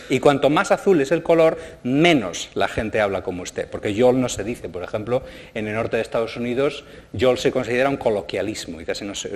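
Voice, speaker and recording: A man giving a seminar lecture, peppering his sentences with tag questions and acting out quoted questions with lively emphasis. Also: medium pitch. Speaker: conference speaker. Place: large conference hall. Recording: long reverb of a lecture hall.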